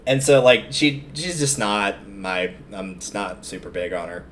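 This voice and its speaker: This game livestreamer offers casual, chatty, opinionated commentary while he plays, often rambling into asides. His lowish voice is expressive and a bit bright, and he never rushes.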